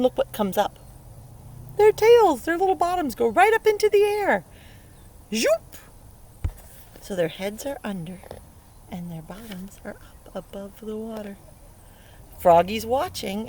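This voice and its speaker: Beside a lake, a woman with a mid-range voice reads a picture book to little children, recorded over a steady bed of outdoor ambient noise from the water. The early learning teacher reads playfully and expressively, acting out sound words and stopping now and then to ask the kids questions.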